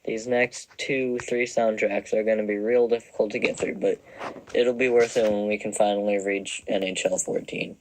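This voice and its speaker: A man's voice: fairly low pitch, flat delivery, moderate pace, slight background noise, rough recording. A young man in his twenties giving casual, wry commentary as he ranks songs, rambling and self-deprecating. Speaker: video creator ranking songs.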